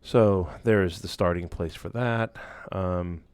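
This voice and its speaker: Man, very low voice, casual screen-share tutorial, loose with lots of fillers, dry close sound. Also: takes it slowly, smooth, no room sound. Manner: relaxed, loose, many fillers and restarts. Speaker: instructor.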